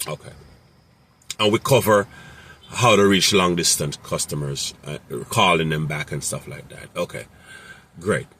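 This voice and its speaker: A man's voice: low-pitched, measured pace, pauses often, fairly bright tone, slightly rough. A man who runs a mobile mechanic business, giving casual, rambling advice with many fillers and repeated phrases.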